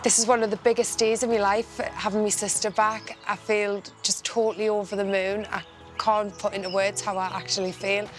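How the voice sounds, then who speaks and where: Give me a woman with a level, even voice speaking happily over music. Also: medium pitch, fairly quick. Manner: happy and heartfelt. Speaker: sister. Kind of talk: documentary interview.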